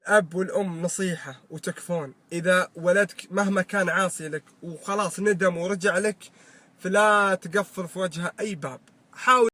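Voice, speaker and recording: Fast, high-voiced Saudi man preaching. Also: steady tone, sharp tone. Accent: Saudi Arabic. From Saudi Arabia. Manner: preachy, swears oaths often, fervent. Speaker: social media creator. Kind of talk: impassioned moral advice monologue.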